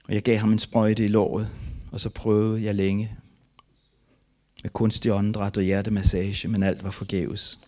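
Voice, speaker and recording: An older man from Denmark, a missionary giving a testimony, reads aloud from his own memoir in an earnest, grief-laden and halting way. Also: fairly low pitch, little pitch movement, mellow.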